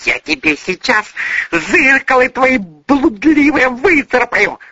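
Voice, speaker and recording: Guy doing a screechy drunk jealous young woman, cussing and hissing, way high, muffled lo-fi audio. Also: big pitch swings, takes it slowly, bright, forceful tone, no room sound, heavily acted. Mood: screaming. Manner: shrill, hissing, foul-mouthed tirade.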